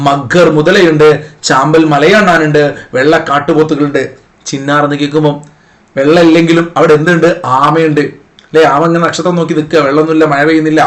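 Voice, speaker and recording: A man teaches an online exam-prep class in a slightly high voice. He keeps coaxing his students with playful memory tricks and quick rhetorical questions, recorded close on his mic. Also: fairly bright tone.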